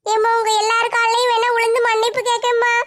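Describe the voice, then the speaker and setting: A woman's voice: very high voice, completely flat delivery, a bit bright. A woman voicing a village woman beaten in a brawl, crying and begging for mercy. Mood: wailing. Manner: crying, begging, drawn-out wails. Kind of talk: one-woman comic skit.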